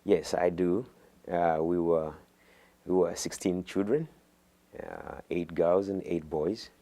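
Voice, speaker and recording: A middle-aged man from Uganda, a guest in an interview, talking haltingly with many fillers and restarts. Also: low voice, steady tone, dark tone. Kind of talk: interview conversation.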